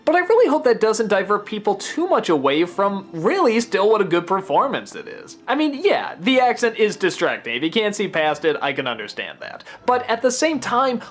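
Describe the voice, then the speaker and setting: A man hosting a film review, commenting with animated, gushing enthusiasm. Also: sits high. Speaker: film critic host.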